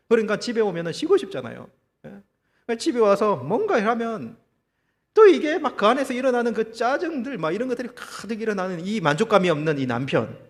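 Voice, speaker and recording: A man preaching a sermon as pastor, telling a story with lively, acted-out quotes and rhetorical questions to the congregation. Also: high voice, in a large hall. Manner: animated storytelling, acting out quoted voices. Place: church.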